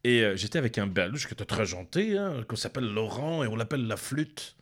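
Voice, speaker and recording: A man's voice: lowish voice, a little fast, noisy background. A man co-hosting a podcast, chatting casually and telling anecdotes with frequent laughs and restarts. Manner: lively storyteller, laughs often, many restarts. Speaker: podcast co-host. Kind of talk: casual chat.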